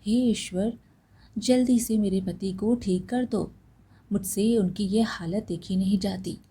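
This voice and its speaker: A woman voicing a meek, devoted young wife who is patient and kind, speaking softly and submissively. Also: mid-range voice, measured pace, husky. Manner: soft, submissive.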